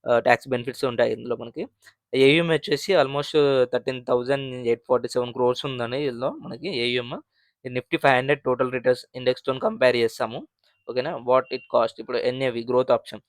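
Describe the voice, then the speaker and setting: A man's voice: mid-range voice, level tone, fast, no echo, clean studio sound. A man hosting a finance channel, explaining mutual fund figures in a conversational way, with frequent fillers and restarts. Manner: conversational, many fillers and restarts, mixes English terms.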